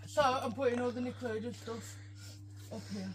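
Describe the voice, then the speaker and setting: A woman's voice: fairly high pitch, fairly even intonation, normal speed, rough recording. Breathless British woman, slangy and plain. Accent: British English. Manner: plain-spoken, hesitant, slangy. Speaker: channel co-host. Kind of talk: casual vlog chat. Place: home room with game shelves.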